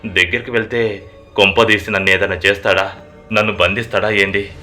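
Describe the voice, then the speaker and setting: A vicious fiery female ghost growls her threats in a horror story, as a man puts her on. The voice sits low, with a sharp, forceful edge. Every line comes slow and menacing. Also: steady tone, faint music behind. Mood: puzzled.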